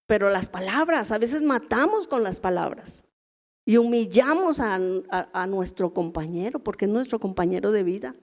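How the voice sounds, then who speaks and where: A middle-aged woman with a Mexican accent teaching a women's church meeting in a chatty way, often asking the listeners questions. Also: medium pitch. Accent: Mexican Spanish. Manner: chatty, asks the audience rhetorical questions.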